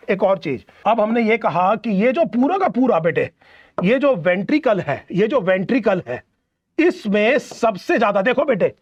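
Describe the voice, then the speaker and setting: A man teaching biology in a live online class, with a very high voice. He walks through each step, keeps asking the students questions and answering them himself, and stretches out his English phrases. The audio is dull and lo-fi. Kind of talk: live online exam-prep lecture.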